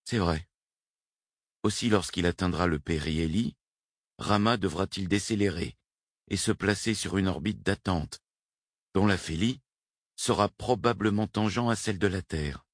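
A man reading the lines of a devout male cosmonaut, earnest and steady in his conviction. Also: deep voice, moderate pace, long pauses, no room sound, studio quality.

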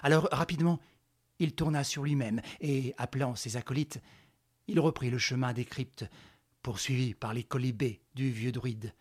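A man's voice: medium pitch, steady tone, husky. Man narrating a dramatic radio play. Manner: measured, dramatic storytelling.

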